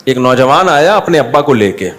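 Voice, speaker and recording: A middle-aged man telling anecdotes over a drawing video, animated and acting out other people's lines. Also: medium pitch, fairly quick. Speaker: drawing channel host.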